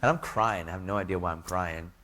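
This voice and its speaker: A man's voice: low-pitched, a little fast, bright, forceful tone. A man giving an earnest, casual testimony in a preaching style, full of slang.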